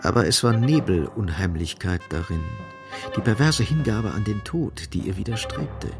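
Performing over music, a male actor with a lowish, animated voice serves as the grave, ironic narrator of a radio play. He reads literary prose in a measured, detached manner.

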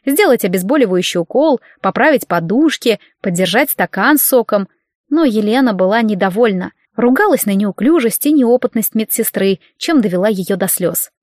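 A woman narrating a fantasy audiobook in the first person, with a wry, lively delivery. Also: mid-range voice, normal speed, dry recording, studio quality.

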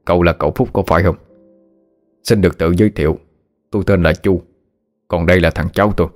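A man playing a soft-spoken, calculating older man with a quiet, polite manner. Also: sits low, fairly quick, soft background music, close to an everyday voice. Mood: courteous.

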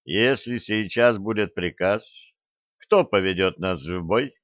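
A man voicing a stern, grief-stricken male battalion commissar with clipped, hoarse military speech in an audiobook character reading. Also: on the low side, slow, no echo, lo-fi sound.

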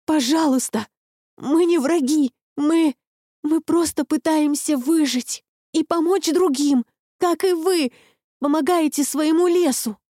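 A woman reading an audiobook plays a frightened young heroine who pleads in a raised, high, urgent voice. Dry and close, with no room sound. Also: takes it slowly, mellow, no echo. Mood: pleading.

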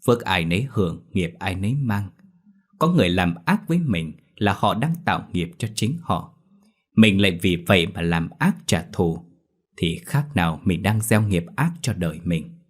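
A man voicing a kindly old Buddhist monk who preaches softly and slowly. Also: low-pitched, animated, slightly rough. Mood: preaching. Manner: soft, slow, preaching.

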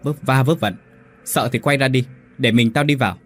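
A man's voice: medium pitch, lively intonation, brisk, a little mellow, breathy edge. A man voicing a brusque older brother who scolds his sibling in a spoken ghost story. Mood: gruff. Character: gruff older brother, tough tomb-digger.

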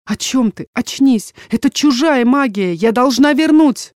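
A woman's voice: high-pitched, expressive, a little slow, darkish tone, dry recording, studio quality, voice pushed up. A woman reading the part of a desperate, defiant young daughter in an audiobook, pleading in an urgent, emotional way.

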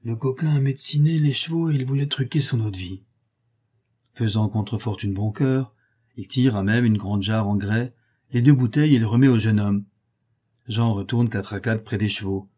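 A man reading a novel aloud as an audiobook narrator, in a measured, descriptive manner. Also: on the low side, warm tone, breathy edge.

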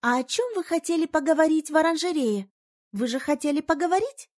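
A woman's voice: high voice, moderate pace, dark tone, pitched above the performer's own voice. A woman reading an audiobook, voicing an eager, romantic young female friend in a raised, lighter voice. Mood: dreamy.

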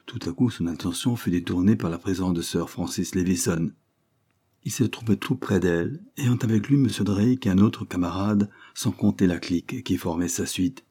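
A man narrating a classic novel as an audiobook, in a measured literary reading. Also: low-pitched, warm tone, husky. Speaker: audiobook reader. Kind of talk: scripted narration.

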